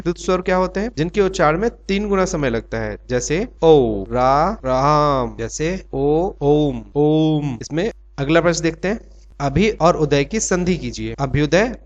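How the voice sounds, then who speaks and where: A man teaching an exam quiz lesson who asks questions and answers them himself, drawing out his example words. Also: a little high. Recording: dull lo-fi recording.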